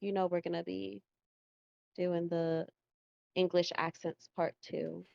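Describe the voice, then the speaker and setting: A woman's voice: fairly low pitch, flat delivery, slow, creaky, lo-fi sound, crowd noise. A woman co-hosting a podcast in casual chat, hesitant and encouraging, full of fillers, recovering from the flu. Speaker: podcast co-host.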